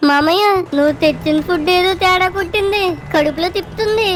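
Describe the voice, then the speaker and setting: A woman's voice: very high voice, quick pace, soft background music. A woman voicing Shinchan, a cheeky and greedy little boy, in a cartoon dub. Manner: cheeky, excitable.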